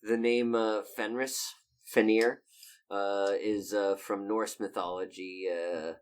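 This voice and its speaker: A woman co-hosting a podcast, chatting casually with dry, deadpan quips. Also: rumbling low, slow pace. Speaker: podcast co-host. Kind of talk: casual chat.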